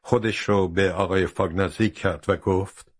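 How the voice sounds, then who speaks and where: A man narrating a storybook in a steady, measured way. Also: low voice, breathy edge, no room sound.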